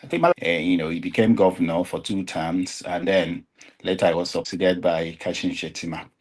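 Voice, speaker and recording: A man's voice: low-pitched, moderate pace, slightly rough. A man speaking as a remote guest on an internet call that keeps cutting out, so his words come through choppy and clipped, with loose "you know" fillers. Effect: choppy internet call audio with words cutting out. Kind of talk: casual political commentary. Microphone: video call.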